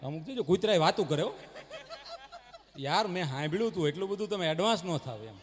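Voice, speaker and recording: High-voiced stage comedian. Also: male voice, quick pace. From Gujarat, India. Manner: animated storyteller who acts out the people in his jokes and barks like a dog. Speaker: stage comedian at a devotional folk gathering. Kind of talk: live stand-up joke telling. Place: live stage before a crowd. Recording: long reverb of a live PA.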